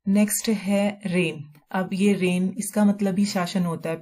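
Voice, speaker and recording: A woman with a low, mellow voice teaches vocabulary over slides. She goes slowly, repeats each word and spells it out letter by letter. English terms run all through her explanation. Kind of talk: explaining vocabulary in a recorded lesson.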